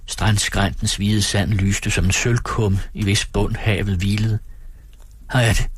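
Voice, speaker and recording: A man with a low, husky voice narrates a story in a measured, lyrical way. The recording is close and dry, with no room sound. His delivery is steady and unhurried. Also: no room sound. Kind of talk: audiobook narration.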